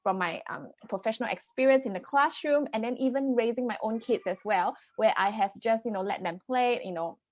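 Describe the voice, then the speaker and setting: Brisk and hardly pausing, a woman in her thirties from Singapore talks in a slightly high voice as a podcast guest. She's a parenting coach, earnestly explaining her ideas with many fillers and restarts in a conversational interview with no echo.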